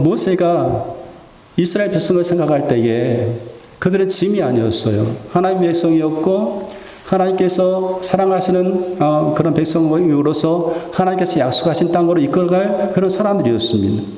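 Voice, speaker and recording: Male pastor giving a sunday sermon, warm mellow voice, acts out the complaining bits, big echoey church hall. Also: sits high, normal speed. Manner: acts out quoted pleas and complaints in lively bursts. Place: church sanctuary.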